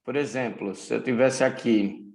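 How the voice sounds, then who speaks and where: A man from Brazil teaching English grammar in a recorded lesson, speaking deliberately and repeating key points. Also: mid-range voice, fairly even intonation, vocal fry, darkish tone.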